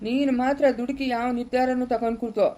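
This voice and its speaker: Woman doing a reassuring parent, mellow, fairly high voice, soothing, amateur skit. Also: steady tone, a little fast, close to an everyday voice. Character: comforting parent consoling a crying daughter. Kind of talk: amateur family skit acting.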